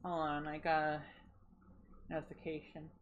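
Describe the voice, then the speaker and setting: A woman's voice: low voice, little pitch movement, moderate pace, dull audio, a little hiss or hum. A woman streamer chatting casually to herself while gaming, sleepy and sighing often. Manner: drowsy, sighing, talking to herself.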